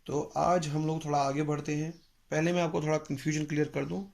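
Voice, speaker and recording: A man teaching a music lesson, explaining slowly and patiently with pauses and mixing in English phrases. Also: fairly high pitch, level tone, vocal fry, a little mellow. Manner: mixes English phrases into Hindi. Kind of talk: spoken lecture.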